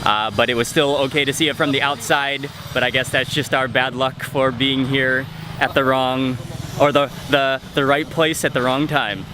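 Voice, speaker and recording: Out on the street, a man hosting a travel vlog chats informally to the camera about his outing. He has a medium pitch, fairly even intonation and normal speed, with music and traffic noise in the background.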